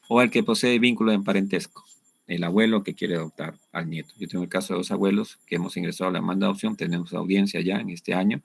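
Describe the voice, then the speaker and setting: Gravelly deep-voiced man lecturing. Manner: conversational, asks "¿no?" and "¿no es cierto?" often. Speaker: lecturer on family law. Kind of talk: lecture with slides.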